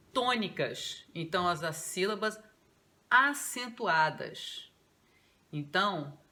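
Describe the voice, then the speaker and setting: Professora brasileira calma, de fala lenta. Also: female voice, mid-range voice. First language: Portuguese. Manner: patient, explains step by step, repeats example words slowly. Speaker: English pronunciation teacher. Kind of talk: online pronunciation lesson.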